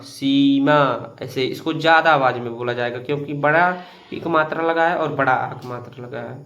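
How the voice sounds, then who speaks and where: A man teaching beginners to read Hindi, patiently repeating each word slowly and addressing viewers as friends. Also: a little high, a bit bright.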